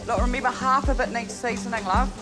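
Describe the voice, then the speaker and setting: A New Zealand woman competing on a cooking show, firing off rapid instructions in a busy kitchen. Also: fairly high pitch, steady tone. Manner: bossy, rapid-fire instructions. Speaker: cooking contestant. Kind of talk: reality TV kitchen talk. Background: background music.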